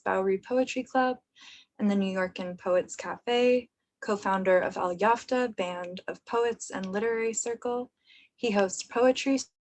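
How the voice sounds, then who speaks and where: A woman hosting an event, reading out a speaker's introduction carefully and a little haltingly. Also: medium pitch. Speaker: event host.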